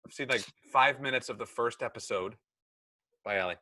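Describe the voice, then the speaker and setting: A middle-aged American man, the school technology administrator running the meeting, chats on a video call in a casual way, explaining points and often self-correcting. He's brisk, with a medium-pitched, bright and forceful voice in a dry recording.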